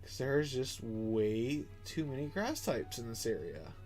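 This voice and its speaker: There's faint music as a congested young man live-streams a game, talking casually and rambling with plenty of filler words. His medium-pitched voice swings widely in pitch, unhurried and darkish in tone.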